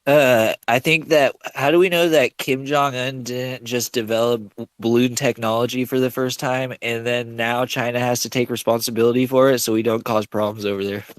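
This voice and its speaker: A man's voice: mid-range voice, fairly even intonation, moderate pace, few pauses, dry recording. A man chatting casually as a guest caller, loose, slangy and rambling. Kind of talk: casual chat.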